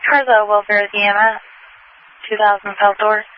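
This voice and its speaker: A woman's voice: medium pitch, little pitch movement, a little fast. An American woman dispatching over police radio in clipped codes, matter-of-fact. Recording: muffled, noisy police radio with clicks.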